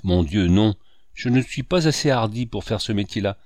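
A man's voice: lowish voice, animated, moderate pace, darkish tone, dry recording, clean studio sound, lightly acted. A man voicing a frightened sixteen-year-old peddler boy, timid and pleading. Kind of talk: audiobook character reading.

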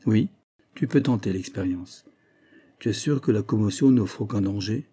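A man voicing a calm, confident male doctor who reassures firmly. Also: lowish voice, normal speed, husky. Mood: reassuring. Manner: reassuring, firm.

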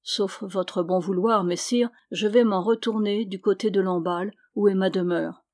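A woman's voice: mid-range voice, steady tone, normal speed, darkish tone, close to an everyday voice. A woman reading the lines of a grave medieval man-at-arms, formal and serious.

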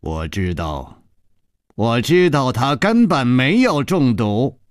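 A ruthless palace mistress in a radio story, cold and imperious, her words sinking low and slow into a hushed, breathy menace, as a male storyteller puts her on. Her pitch swings widely yet stays darker than the telling voice, and the sound is close and dry. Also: big pitch swings, dry recording. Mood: cold menacing.

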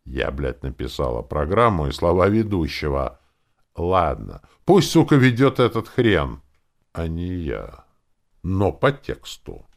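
A man doing a squeaky foul-mouthed elf girl. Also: wildly swooping pitch, a little slow, heavily acted. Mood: heated. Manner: squeaky, swearing. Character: foul-mouthed young female elf writer, hot-tempered.

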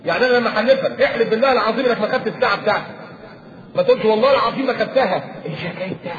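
Fast, high-voiced Egyptian preacher in a roomy hall. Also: male voice. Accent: Egyptian Arabic. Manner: lively, acts out dialogues with humor. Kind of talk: religious lecture. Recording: roomy, dull lo-fi lecture tape.

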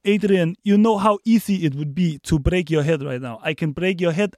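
A man's voice: high-pitched, darkish tone, no room sound, studio quality, lightly acted. A man putting on the voice of a huge, intimidating male kitchen colleague who makes threats in English. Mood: threatening.

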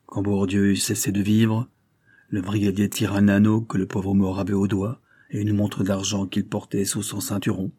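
A man narrating a classic novel as an audiobook in a steady, solemn storytelling manner. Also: lowish voice, normal speed, husky, no room sound, clean studio sound. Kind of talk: scripted literary narration.

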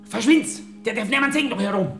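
A man's voice: sits high, fast talker, a bit bright. A man playing a stern, bossy archangel in a radio play, commanding and scolding in a Bavarian accent. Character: stern, bossy male archangel, strict about order. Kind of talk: German dialect radio play. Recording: echoey, music behind.

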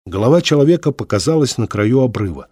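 A man reading an audiobook in a measured, dramatic manner. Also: medium pitch, lively intonation, a little mellow, dry recording, clean studio sound. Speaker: audiobook narrator. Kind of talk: scripted narration.

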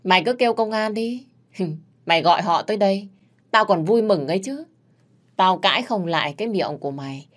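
A woman voicing a fierce, hot-tempered young female servant who threatens roughly. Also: medium pitch, animated, normal speed, pitched above the performer's own voice, close to an everyday voice. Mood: mocking threats.

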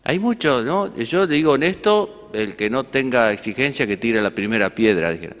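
A male priest with an Argentine Spanish accent gives a conversational sermon in a church, frequently asking rhetorical questions. His medium-pitched voice is a bit bright, lively in intonation, at normal speed, and echoes in a large hall.

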